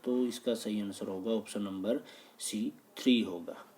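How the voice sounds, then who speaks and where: A man's voice: on the low side, steady tone, a little slow, a little mellow, slight background noise. A man teaching as he works through exam questions, reading each one, restating it and explaining the answer. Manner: reads a question, then repeats and explains it.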